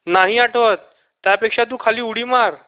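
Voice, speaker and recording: Guy doing a shouty excited little boy from a storybook, high voice, muffled old recording. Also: moderate pace, close to an everyday voice. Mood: shouting. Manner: shouting, eager. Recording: dull lo-fi recording.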